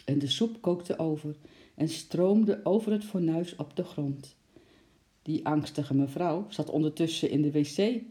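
A storyteller reads a children's book aloud with a very dark, mellow tone. The reading is lively and expressive, and it plays up the sound words. It is a warm, plain read-aloud. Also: mid-range voice.

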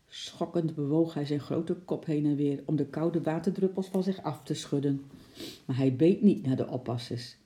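A woman narrating a children's storybook with expressive, dramatic delivery. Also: low-pitched. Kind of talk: children's storybook read-aloud.

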